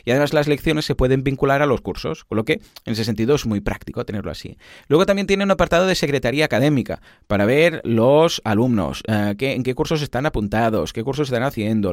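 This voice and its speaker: A man hosts a casual talk, explaining things in an animated way and tossing in little tag questions and examples. His voice sits at a middle pitch and is recorded dry and close, with almost no room sound. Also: no room sound. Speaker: podcast host explaining software.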